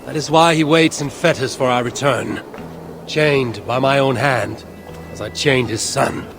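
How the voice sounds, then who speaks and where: An actor playing a proud, brooding Norse god king in a video game, speaking with solemn, archaic formality in a gravelly voice. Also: medium pitch, fairly even intonation, a little slow, over music, lightly acted. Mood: stern, wrathful. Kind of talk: dramatic game cutscene acting.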